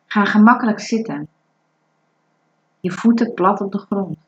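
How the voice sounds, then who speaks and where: A woman guiding a breathing meditation in a calm, soothing, instructive way. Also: mid-range voice, a little slow. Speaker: meditation guide. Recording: dull lo-fi recording.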